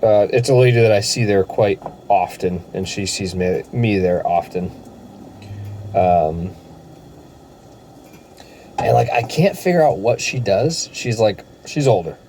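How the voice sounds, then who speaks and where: Laid-back man telling stories, slow. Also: lowish voice, expressive, mellow, slight background noise. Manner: laid-back storytelling with filler words. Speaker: vlogger. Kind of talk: casual vlog chat.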